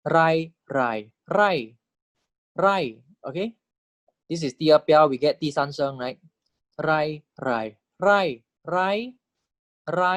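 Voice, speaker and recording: In a recorded language lecture, a man teaches Thai vowels and tones in English, saying each word several times and repeatedly checking with "okay?". His voice is mid-range and the recording is dry.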